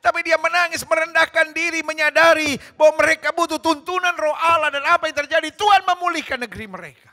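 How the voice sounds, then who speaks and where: A middle-aged male pastor preaching a sermon with fervent emphasis, moving between hushed and emphatic delivery. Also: very high-pitched, fast, hardly any pauses.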